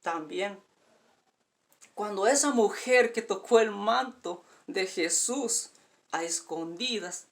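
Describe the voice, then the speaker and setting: A man's voice: high voice, slow pace. A man preaching a sermon, pleading with his listeners, calling them dear friend and repeating words for emphasis.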